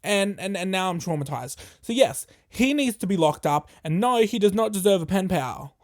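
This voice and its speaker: Aussie podcaster telling a story, swears a lot, jokey and animated, mid pitch. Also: moderate pace. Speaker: podcast host. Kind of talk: casual storytelling.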